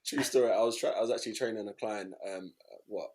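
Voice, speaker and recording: A man co-hosting a fitness podcast, a personal trainer talking in a relaxed, jokey way. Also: on the low side, fast. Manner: relaxed, jokey, fillers like "you know". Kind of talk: casual chat.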